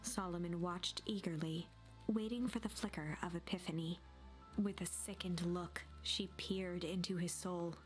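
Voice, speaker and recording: A woman narrating a storybook video game in a measured, literary storytelling manner. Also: on the low side, steady tone, soft background music, natural voice.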